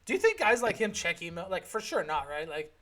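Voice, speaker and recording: Young male podcast co-host, high voice, loose joking banter. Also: big pitch swings, fairly quick, a bit bright. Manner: joking, rambling, self-correcting. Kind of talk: casual chat.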